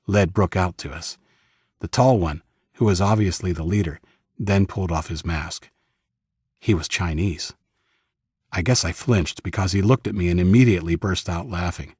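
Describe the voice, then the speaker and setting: Recorded cleanly in a studio with no room sound, this first-person audiobook is read by a man whose voice is deep, husky and a little mellow.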